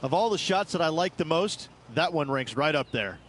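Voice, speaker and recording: A golf commentator in the analyst's seat, describing holes and shots. His male voice sits slightly high, with faint background noise under it. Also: animated, moderate pace, a bit bright. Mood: analytical.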